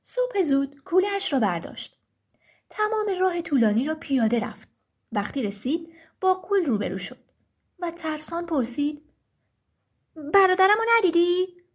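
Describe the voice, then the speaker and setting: Female storyteller, high voice, calm clear narration of a children's tale.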